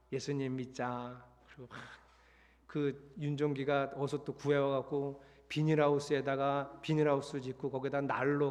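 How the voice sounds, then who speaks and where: A middle-aged man preaching a sermon, telling a personal story in a lively way and acting out his own shouting. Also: mid-range voice, big-room sound. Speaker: pastor. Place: church sanctuary.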